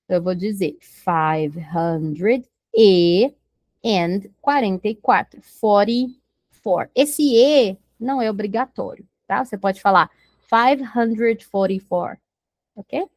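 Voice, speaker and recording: A woman teaching a beginner English lesson, patiently slowing down to model each English word, her native language Portuguese. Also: medium pitch, no echo.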